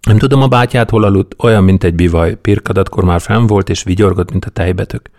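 A man's voice: deep voice, a little mellow. A man voicing a cheeky, teasing young woman with a bossy, playful manner.

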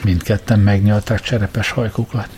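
A man narrating an audiobook in a measured, even way. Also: on the low side, faint music behind.

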